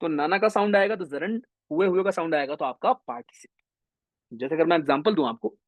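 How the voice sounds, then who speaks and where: A young man teaching English grammar in an online exam-prep class, energetic and mixing English terms into his talk. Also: fairly high pitch, brisk, dry recording, phone-quality sound. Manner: energetic, mixes Hindi with English terms, addresses students as brothers.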